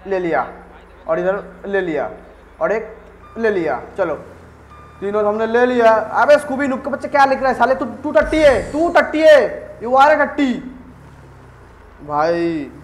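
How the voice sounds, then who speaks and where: A man giving live gameplay commentary as a gaming YouTuber, excitable and trash-talking rivals with swearing. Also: sits high, unhurried, pauses often, roomy sound, slight background noise, rough recording.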